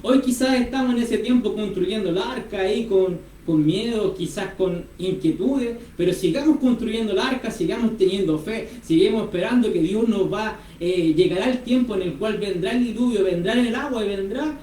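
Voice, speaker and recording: A man's voice: high-pitched, normal speed, few pauses, dark tone, distant mic. Earnest man preaching in an echoey room. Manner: earnest, storytelling, many amens. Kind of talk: preaching on a radio-style program.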